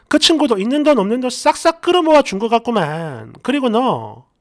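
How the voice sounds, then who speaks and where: A middle-aged man hosting a story channel, reading viewer posts and comments aloud with sarcastic, lively reactions, recorded at a desk mic in a small room. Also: extremely high pitch, moderate pace, gravelly.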